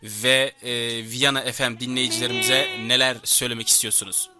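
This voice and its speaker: A man's voice: medium pitch, little pitch movement, fairly quick. A man hosting a live radio phone-in, courteous, repeating his thanks and phrases as he talks with his guest. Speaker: radio show host and DJ. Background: music.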